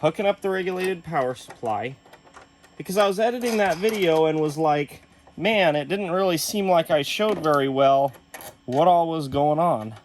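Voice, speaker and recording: A young electronics repair video host, his voice a little high and his speed normal, walks viewers through troubleshooting in his workshop studio as slight background noise plays. He sounds shaken and excited at first before calmly explaining each step of the casual demonstration.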